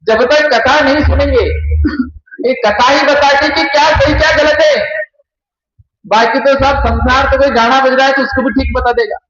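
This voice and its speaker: Male preacher, very high voice, sermon style, chants verses, asks rhetorical questions; echoey, muffled recording. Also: steady tone, moderate pace, a bit bright. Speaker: kathavachak preacher. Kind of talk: devotional sermon with scripture quotes.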